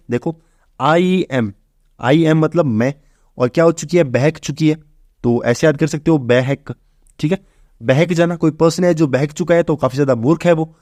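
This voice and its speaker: Young guy rattling thru a vocab lesson super fast, kinda high voice, dry close sound. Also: a little mellow, dry recording. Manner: brisk, repetitive, asks and answers his own questions. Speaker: vocabulary teacher. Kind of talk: exam-prep vocabulary lesson.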